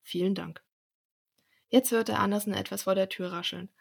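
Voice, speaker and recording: A young woman in her twenties reads a storybook aloud. Her steady narration has a strong gravelly fry. The tone is husky, and small slips creep in now and then. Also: medium pitch, a little fast. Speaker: student storyteller.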